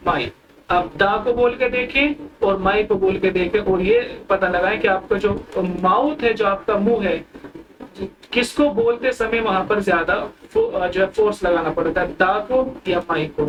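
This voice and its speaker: A teacher giving an explanatory lecture on poetry terms, who often checks in with the class and slows down to read English lines aloud. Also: medium pitch. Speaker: literature teacher. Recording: distant mic with background noise.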